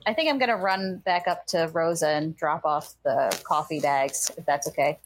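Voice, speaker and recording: A woman's voice: low-pitched, normal speed, rough recording. Woman player chatting, faint noise behind. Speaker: tabletop game player. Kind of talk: casual in-game chat.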